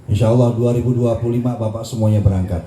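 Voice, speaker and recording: A man's voice: fairly low pitch, steady tone, fast talker, mellow, echoey room. A man in his thirties giving an emotional religious address to a gathering, telling a personal story and often calling on listeners as sir. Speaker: preacher at a hajj send-off gathering.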